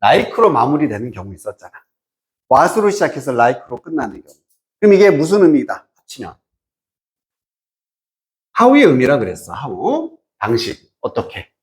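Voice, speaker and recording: A man's voice: medium pitch, wildly swooping pitch, measured pace, pauses often. A man teaching English to students, casually explaining a reading passage and often quizzing them with short questions. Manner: checks understanding with frequent quiz-like questions; mixes English phrases into explanation. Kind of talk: lecture explaining an exam passage.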